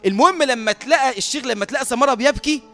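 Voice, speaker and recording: An Egyptian man preaching a sermon as a lively storyteller who often laughs at his own tale. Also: very high voice, racing, soft background music.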